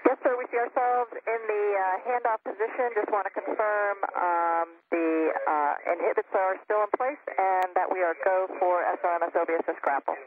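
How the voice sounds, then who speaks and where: A woman's voice: mid-range voice, steady tone, moderate pace, hardly any pauses. A woman working as an astronaut robotics operator, making procedural calls over a radio transmission. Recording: narrow, noisy space radio link.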